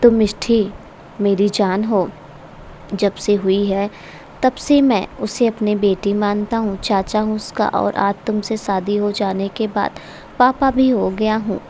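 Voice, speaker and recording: A woman voicing an angry young husband who is also a protective uncle, read in a stern, forceful way. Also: medium pitch, fairly even intonation, measured pace, a little hiss or hum, close to an everyday voice.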